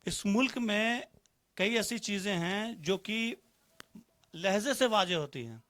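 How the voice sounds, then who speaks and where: High pitched guy on a news panel, formal and preachy, acts out his examples, urdu-ish hindi with english bits. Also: animated, slow pace, a bit bright. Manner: speaks in Urdu-flavoured Hindi with English phrases. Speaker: panel guest. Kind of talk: televised panel discussion.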